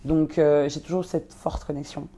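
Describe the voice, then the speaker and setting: A young woman who grew up in Belgium and was born in Congo, answering interview questions with many pauses and fillers. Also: deep voice, fairly even intonation, mellow. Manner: hesitant, many fillers and restarts. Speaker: guest, nonprofit co-founder.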